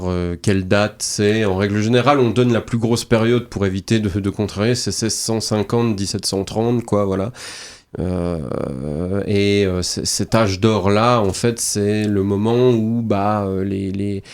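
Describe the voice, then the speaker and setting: Low-voiced man rambling on radio. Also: steady tone, measured pace, darkish tone. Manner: rambling, full of restarts and repeated words; lyrical, emphatic turns of phrase. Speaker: guest poet and author. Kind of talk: radio interview talk. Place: radio studio.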